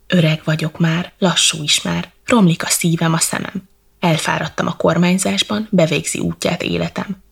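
A woman voicing an old, weary king who speaks in stately, measured verse, with a gravelly, husky voice. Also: on the low side, expressive, heavily acted. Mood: solemn. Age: older.

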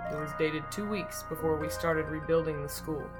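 Narrator voicing a weary old great-uncle: blunt, grim, slow telling, soft music under it. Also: male voice, fairly high pitch, fairly even intonation, pitched above the performer's own voice, close to an everyday voice.

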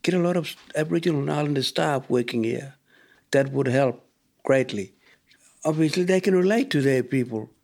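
A man with an Australian accent giving plain-spoken, deliberate answers in a conversational interview. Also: mid-range voice, creaky, darkish tone.

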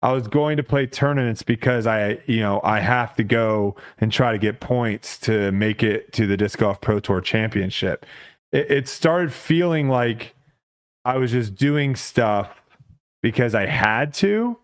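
A man's voice: medium pitch, measured pace. A man in his thirties co-hosting a podcast, talking in an easygoing, self-deprecating casual chat. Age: 30s. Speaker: podcast co-host.

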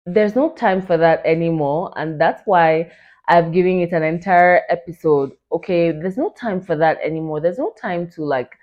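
Chatty young woman hosting a podcast, low voice. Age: 20s. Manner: excited, chatty, full of fillers like "like" and "you know". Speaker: podcast host. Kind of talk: casual solo podcast talk. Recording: dull lo-fi recording.

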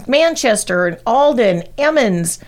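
A woman's voice: fairly high pitch, animated, slow pace. Middle-aged woman, podcast host, meandering and chuckly. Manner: rambling, hesitant, fillers and restarts, chuckling. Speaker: podcast host presenting local history. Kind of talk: casual chat.

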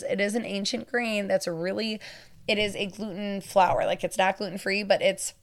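A woman in her thirties hosting a podcast, answering listener questions in a chatty, self-deprecating way with lots of asides. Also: mid-range voice. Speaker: podcast host. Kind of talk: casual podcast Q&A.

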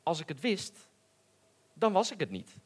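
A man voicing a small, anxious male cricket in a spoken storybook, talking softly and hesitantly. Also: fairly high pitch, wildly swooping pitch, unhurried, husky, voice pushed up, exaggerated voice. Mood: pondering. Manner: soft, hesitant, apologetic.

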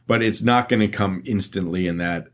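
A man's voice: low voice, moderate pace. A man co-hosting a podcast, chatting casually about teaching and reading out a listener question. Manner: relaxed, reads listener questions aloud. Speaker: podcast co-host. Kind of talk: casual chat.

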